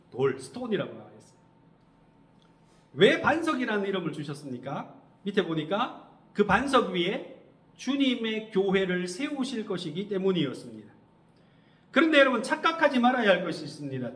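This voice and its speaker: A middle-aged male pastor preaching a sermon, asking the congregation questions and answering them himself. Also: high-pitched. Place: church sanctuary. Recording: echoey church hall.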